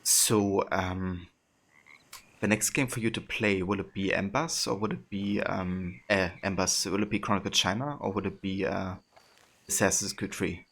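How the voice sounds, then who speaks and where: Low, monotone, gravelly young man. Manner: hesitant, pausing, reads chat aloud. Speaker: livestreamer. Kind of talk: casual game-stream chat.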